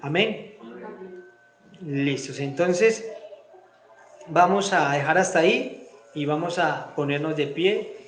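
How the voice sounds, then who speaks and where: A man preaching a sermon in Spanish, rising into emphatic bursts and then praying quietly and fervently. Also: on the high side, takes it slowly, pauses often, roomy sound. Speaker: pastor. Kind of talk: sermon and spoken prayer.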